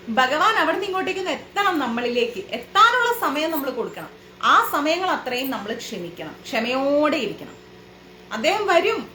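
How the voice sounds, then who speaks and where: Woman teacher giving a spiritual lecture with everyday examples; bright tone, echoing room. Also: sits high, slight background noise. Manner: asks the listeners rhetorical questions. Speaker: devotional class teacher. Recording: echoey room.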